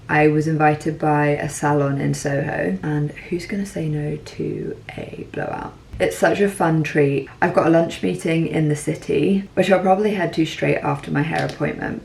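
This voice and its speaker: A woman in her late twenties from Scotland, chatting casually and warmly to viewers in a day-in-the-life vlog, recorded at home. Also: low voice, vocal fry. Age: late 20s. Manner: chatty, friendly, talks straight to viewers. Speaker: lifestyle vlogger.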